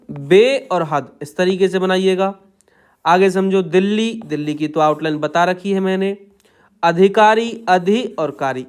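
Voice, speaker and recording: Man teaching shorthand, slow drawn-out words, patient step-by-step tutorial. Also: sits high, clean tone. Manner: repeats set phrases while writing.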